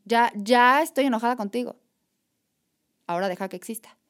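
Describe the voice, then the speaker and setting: Woman guest, animated reflective conversational delivery. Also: on the high side, brisk. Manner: animated, reflective, repeats "o sea" and "¿sabes?". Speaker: podcast guest. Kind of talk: casual conversation.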